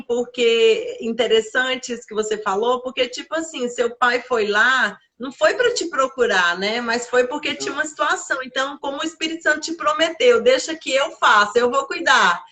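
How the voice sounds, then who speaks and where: A woman's voice: sits high, moderate pace, hardly any pauses, pushed and bright. A woman hosting an interview, prompting her guest with encouraging follow-ups. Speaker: host. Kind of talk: interview conversation.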